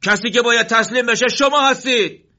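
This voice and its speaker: A man voicing a determined young male soldier who shouts in battle. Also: fairly high pitch, lively intonation, pitched above the performer's own voice. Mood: fierce. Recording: dull lo-fi recording.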